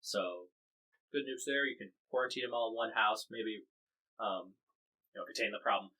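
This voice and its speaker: A man's voice: fairly low pitch, normal speed, sharp tone, rough recording. An American man hosting a podcast, covering the news in casual, wry chat full of fillers and restarts. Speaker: podcast host.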